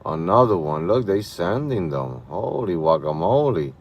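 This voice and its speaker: A man's voice: low voice, sing-song, a little slow, lo-fi sound. A man driving for a rideshare app, tired, talking casually and muttering to himself in slangy speech as he streams live from his car. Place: inside a car at night. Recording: faint vehicle noise.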